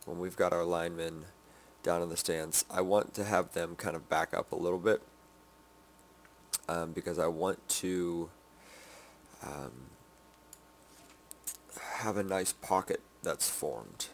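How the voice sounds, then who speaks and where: A sleepy man giving a casual game development update, halting with many ums and restarts. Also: low-pitched, fairly even intonation, slight background noise. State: sleepy, yawning.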